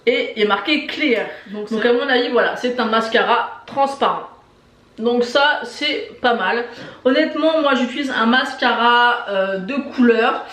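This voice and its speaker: A woman's voice: a little high, measured pace, a bit bright, recorded from a distance. A woman vlogger doing a casual beauty box unboxing, chatty and enthusiastic, with many fillers. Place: indoor room with shelves of lipsticks behind. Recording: echoey room.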